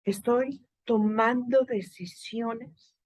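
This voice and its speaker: A woman with a Guatemalan accent giving a faith talk to a live group, lively and full of rhetorical questions to her listeners. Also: on the high side, very slow, poor audio. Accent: Guatemalan Spanish.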